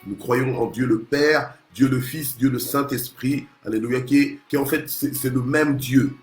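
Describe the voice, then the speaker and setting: A man's voice: medium pitch, moderate pace, faint music behind. Congo-born pastor preaching, keeps saying amen, restarts his words a lot, roomy church echo. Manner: punctuates nearly every phrase with alleluia and amen; restarts and repeats words while searching for phrasing. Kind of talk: morning sermon. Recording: roomy echoey church sound.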